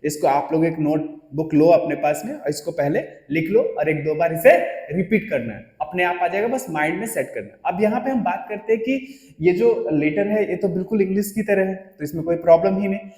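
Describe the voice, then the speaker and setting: A man teaching a French class, drilling the alphabet slowly for students to repeat. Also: high voice, expressive, mellow. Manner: drills letters aloud, slow call-and-repeat recitation. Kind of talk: classroom lesson. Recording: echoey, reverberant classroom.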